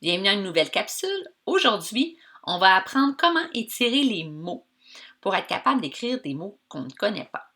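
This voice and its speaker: A woman teacher with a Québécois accent giving a reading lesson to children, slowly drawing out the sounds in words and encouraging her pupils. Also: medium pitch, very animated, bright, forceful tone. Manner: slow, stretched-out sounds of words for young learners; encouraging, addresses pupils directly.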